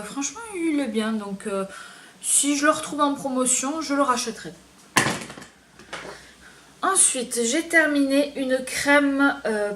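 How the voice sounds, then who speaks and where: A woman's voice: on the high side, a bit bright. A woman beauty vlogger reviewing her used-up products in a casual, hesitant way, with many fillers.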